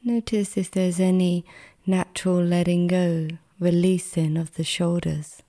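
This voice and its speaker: A meditation guide leads a relaxation session in the manner of a sleep story narrator. Her lowish voice is soft, gentle, and at times breathy, delivered flatly and soothingly with long pauses.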